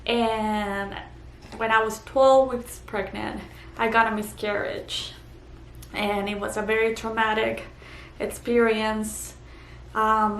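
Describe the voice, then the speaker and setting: Earnest Puerto Rican woman, echoey room. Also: fairly high pitch. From Puerto Rico. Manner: earnest, halting with fillers and restarts. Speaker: vlogger. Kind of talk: personal testimony vlog. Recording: echoey room, faint background noise.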